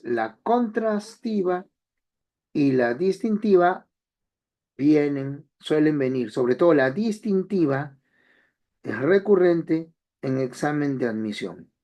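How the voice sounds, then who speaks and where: A man's voice: fairly high pitch, expressive, takes it slowly, mellow. A man teaching an online language class, explaining step by step and repeating key phrases.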